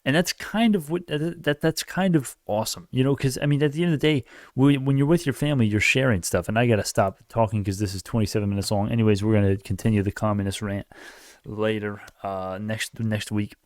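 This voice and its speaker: Teen male vlogger, fairly low voice, dry close-miked sound; rambling, opinionated, self-correcting delivery. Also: fairly quick, darkish tone, dry recording. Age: late teens. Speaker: YouTube commentator. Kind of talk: casual political rant to camera.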